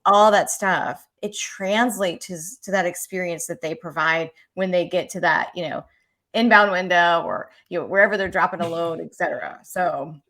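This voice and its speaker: A woman's voice: on the low side, normal speed, fairly bright tone. A woman hosting a podcast, chatting in an upbeat way with her guest. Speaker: podcast host. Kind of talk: casual interview talk.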